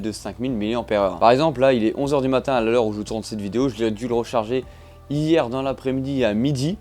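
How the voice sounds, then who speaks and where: A man's voice: mid-range voice, darkish tone. A man with a French accent narrating a phone review in a chatty way, asking himself questions and answering them. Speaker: tech reviewer.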